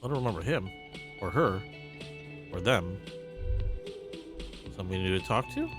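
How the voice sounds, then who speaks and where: A man's voice: sits low, animated, moderate pace, over music. Joking male game streamer. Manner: chatty, joking, talks to the game. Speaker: let's play streamer. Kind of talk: casual gameplay commentary.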